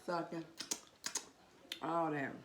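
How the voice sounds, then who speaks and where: A woman's voice: low voice, fairly even intonation, very slow. A woman chatting casually as a mukbang host while chewing noisily, smacking and slurping between words. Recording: clearly noisy background.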